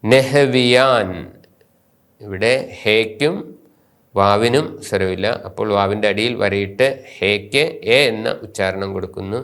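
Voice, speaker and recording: A priest with a Malayali accent teaches a slow grammar lesson, spelling out letters and terms one at a time and repeating each term. His voice is on the low side with a fairly bright tone.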